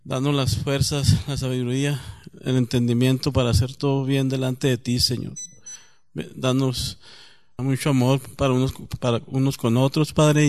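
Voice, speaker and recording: A man leads a spoken prayer in a flat, even voice, returning to the Lord's name between phrases. The recording is dry and close, with little room sound. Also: medium pitch, no echo. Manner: steady, repeating "Señor" between phrases. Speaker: congregation member.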